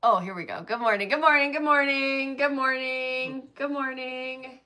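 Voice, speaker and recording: A woman with a high, sharp-toned voice speaks at a moderate pace while co-hosting a casual stitching live stream through her phone camera, laughing and chatting as viewers arrive.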